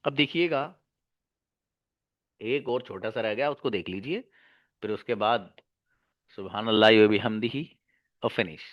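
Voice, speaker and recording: A man's voice: lowish voice, a little slow, long pauses, no room sound, muffled recording. A man teaching English grammar in an explanatory lesson, often repeating key terms and asking rhetorical questions, fondly calling his listeners "babu". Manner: addresses listeners affectionately as 'babu'.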